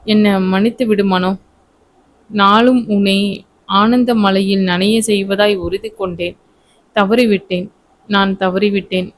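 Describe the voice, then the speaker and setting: A woman voicing a remorseful, loving young husband who pleads with his wife, in a slow storybook reading. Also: medium pitch, fairly even intonation, a little hiss or hum, close to an everyday voice. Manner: pleading, guilt-ridden.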